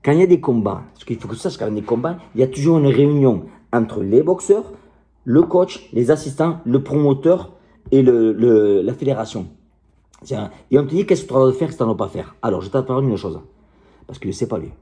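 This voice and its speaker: Man, very mellow dark voice, middle-aged coach, heated crude rant to camera. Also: medium pitch, expressive, fairly quick. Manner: combative, heated, passionate, crude. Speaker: martial arts coach.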